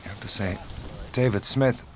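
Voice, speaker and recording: A man's voice: on the low side, moderate pace. A man giving commentary at a golf tournament. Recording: clear outdoor ambient noise.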